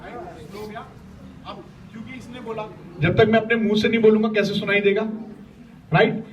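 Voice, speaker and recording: High-voiced man teaching in a distant room. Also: fairly even intonation, fairly quick. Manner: keeps checking with "right?"; encouraging, praises students often. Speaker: school workshop facilitator. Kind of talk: interactive classroom talk to students. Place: school hall or classroom. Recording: distant, dull mic with faint room noise.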